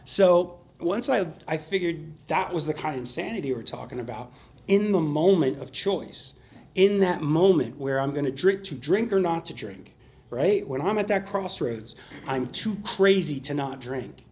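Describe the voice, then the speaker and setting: A man speaking at a recovery meeting, telling his personal story with animated delivery, acting out the voices in his head and laughing often. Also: on the high side, normal speed. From Pennsylvania. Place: meeting room. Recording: slightly dull, faint hiss.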